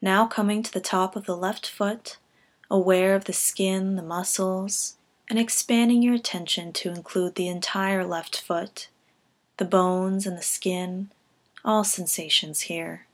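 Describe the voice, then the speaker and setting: In a medium pitch, a woman reads a guided body scan meditation script. The delivery is gentle, calm and measured, with a softening at the end of every phrase.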